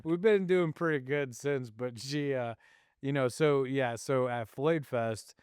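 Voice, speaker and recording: A middle-aged man hosting a podcast, telling a personal story in a casual, animated way and laughing often. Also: mid-range voice, slow, clean tone, dry recording, studio quality. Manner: animated, laughs often, acts out quoted voices. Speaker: podcast host.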